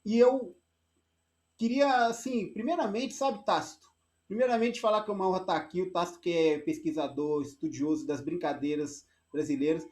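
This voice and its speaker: A man's voice: high voice, normal speed, a little mellow. A Brazilian man hosting an interview, asking friendly, rambling questions about culture and a guest's life. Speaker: interviewer, host. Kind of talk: casual interview.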